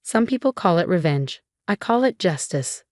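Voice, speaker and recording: A woman narrating a first-person revenge story in a steady, measured way. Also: lowish voice, no echo, clean studio sound.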